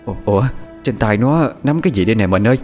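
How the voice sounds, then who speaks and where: A man voicing a middle-aged village mother who scolds briskly and urges calm. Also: on the low side, soft background music, natural voice. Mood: stern, soothing.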